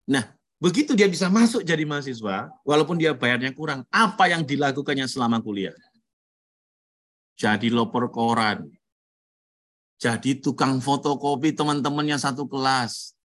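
Animated male lecturer telling stories. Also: mid-range voice. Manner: animated storyteller, acts out quoted voices. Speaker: university lecturer. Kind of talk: motivational talk to students.

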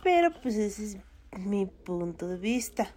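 A woman's voice: medium pitch, sing-song, slow, background noise. A woman with a Mexican accent, chatting casually to her viewers in a rambling way, with many fillers and casual swearing. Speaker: vlogger.

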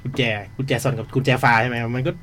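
A polite man in a casual podcast chat, patiently explaining things to the hosts. He talks fast at an ordinary middle pitch. A faint hiss sits behind the recording. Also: level tone, a bit bright. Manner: polite, explanatory, often uses polite particles.

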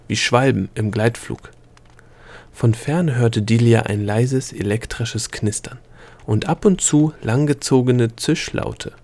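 A man reading a fantasy novel aloud as narrator, calm and even in his storytelling. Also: lowish voice. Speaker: audiobook narrator. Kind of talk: scripted narration.

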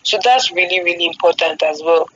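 A woman's voice: lowish voice, fairly quick, a bit bright. A woman, talking about faith in an earnest, casual way and laughing often. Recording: slightly dull audio with faint background noise.

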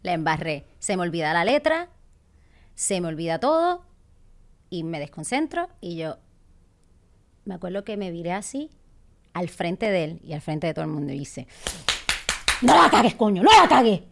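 Lively Puerto Rican woman telling a story. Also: lowish voice, moderate pace, long pauses, slight background noise. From Puerto Rico. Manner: animated, laughs often, acts out quotes. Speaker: guest. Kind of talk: casual storytelling chat.

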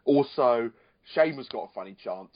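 A man's voice: mid-range voice, expressive, normal speed. A man co-hosting a casual wrestling chat, rambling and repeating phrases for emphasis. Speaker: podcast co-host. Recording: dull, lo-fi audio.

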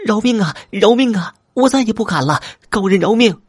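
A man voicing a weasel spirit speaking through a possessed woman, crying out in a high, thin voice. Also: lively intonation, fairly quick, slightly rough, no room sound, studio quality. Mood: begging. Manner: high, thin pleading cries.

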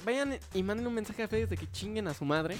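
Slangy high-voiced young Mexican man. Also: fast talker, soft background music. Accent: Mexican Spanish. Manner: slangy, swearing, animated storytelling. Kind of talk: casual chat.

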